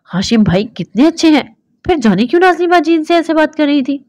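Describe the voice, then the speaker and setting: Female narrator for a romance novel, highish voice, dry close recording. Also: lively intonation, fast talker, a little mellow, dry recording. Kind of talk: reading a romance novel aloud.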